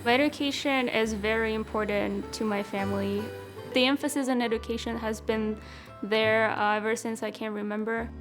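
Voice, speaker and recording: A young woman speaks earnestly about her studies, with a little hesitation here and there. Her pitch barely moves, staying level and even. Music plays softly underneath her interview. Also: moderate pace. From Chile. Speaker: scholarship recipient, PhD student. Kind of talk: interview testimonial.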